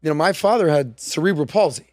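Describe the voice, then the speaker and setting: A man in his forties hosts a casual podcast from a studio set, speaking into a boom-mounted mic. His voice sits a bit high for a man, and the sound is close and dry. He tells stories animatedly, slipping into quoted voices. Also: lively intonation, fast, a little mellow, no echo. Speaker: podcast host. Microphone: studio mic on boom arm.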